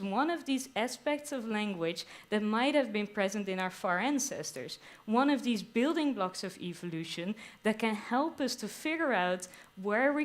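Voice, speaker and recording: A young adult woman presents her research on stage at a science slam. She explains with enthusiasm and drops playful quoted asides. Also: medium pitch. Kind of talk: lively explanatory stage talk. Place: live stage at a theater venue.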